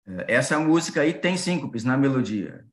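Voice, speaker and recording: A man teaching music in a patient explanatory way, often pausing with fillers and checking that listeners follow. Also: medium pitch, sing-song. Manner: sings short melody syllables to demonstrate. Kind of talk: online class explanation. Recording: roomy echo.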